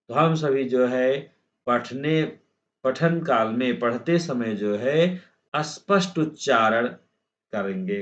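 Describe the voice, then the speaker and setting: A man teaching a textbook lesson, reading Sanskrit lines slowly and then explaining them in Hindi, repeating phrases and addressing students as friends. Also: mid-range voice, dull audio.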